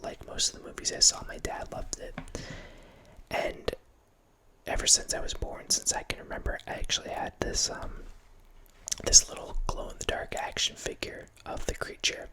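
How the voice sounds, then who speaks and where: This ASMR channel host, a man in his thirties, murmurs softly into a close studio mic with headphones on, rambling in a small room at home. His pace is normal, and self-corrections crop up often.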